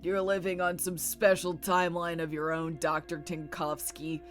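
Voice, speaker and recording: A woman's voice: lowish voice, flat delivery, normal speed, soft background music, lightly acted. A woman voicing an imperious, precocious boy leader in a video game, haughty and declamatory. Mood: haughty, insistent. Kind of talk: reading game dialogue aloud.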